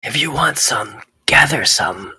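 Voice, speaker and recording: A man voicing a polite, soft-spoken male adventurer who offers food, with a husky voice. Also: mid-range voice, lively intonation, measured pace, voice pushed up, exaggerated voice. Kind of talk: tabletop game character voice.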